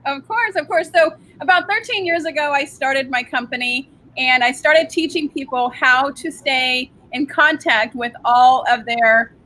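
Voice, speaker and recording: Upbeat woman guest on a video call, high bright voice, a bit of hiss. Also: unhurried, poor audio. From San Diego. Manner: upbeat, laughs easily. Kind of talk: interview answers.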